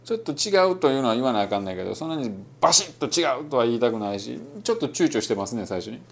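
A man with a Kansai Japanese accent giving a relaxed, rambling spoken lesson on learning English, full of fillers and with English phrases mixed in. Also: mid-range voice, rapid-fire, vocal fry. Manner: demonstrates English phrases in between. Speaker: English-learning podcast host.

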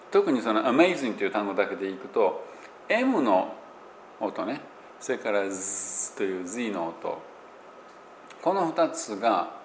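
Kansai man explaining pronunciation. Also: lowish voice. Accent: Kansai Japanese. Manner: explains with examples, many fillers, lively. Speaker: English pronunciation teacher. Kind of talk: casual spoken explanation. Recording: echoey room with faint background noise.

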